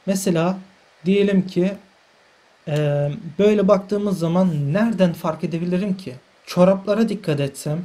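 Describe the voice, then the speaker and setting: A man's voice: high-pitched, normal speed, dark tone. A young man commenting live on his own football video game, exasperated, urging his players on and repeating himself as things go wrong. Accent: Turkish. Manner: exasperated, talks to players on screen, swears by God, repeats himself. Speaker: gaming channel host.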